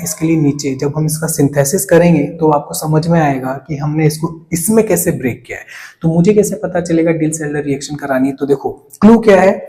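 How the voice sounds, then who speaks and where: A man's voice: a little high, dark tone, poor audio. A young man explains chemistry in a lecture, often asking questions and answering them himself, with playful asides. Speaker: chemistry teacher. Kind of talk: whiteboard lecture.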